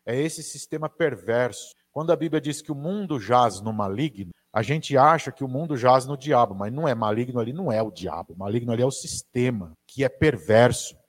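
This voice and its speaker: A man's voice: mid-range voice, animated, a little fast, few pauses. A man with a Brazilian Portuguese accent, preaching a conversational sermon with asides to the audience.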